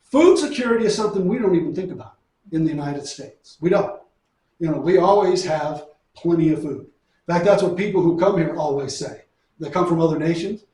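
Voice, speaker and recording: A man's voice: fairly high pitch, animated, a little fast, mellow. A middle-aged man from New Mexico teaching a Bible lesson in a folksy, storytelling way, asking and answering his own questions. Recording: echoey room, far from mic.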